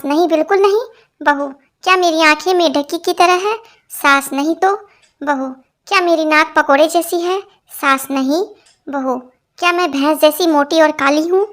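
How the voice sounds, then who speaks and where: A woman reading a string of short jokes aloud as scripted narration, giving every part in one even voice. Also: extremely high pitch.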